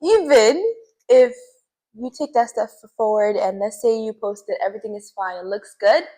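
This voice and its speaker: A woman's voice: fairly high pitch, animated, brisk, mellow. A woman co-hosting a casual chat, talking earnestly and giving advice. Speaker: co-host.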